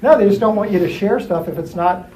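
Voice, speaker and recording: Animated man teaching a Bible class. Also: high-pitched, brisk. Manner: lively, acts out characters in jumpy put-on voices. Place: church classroom. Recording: roomy echo, faint room noise.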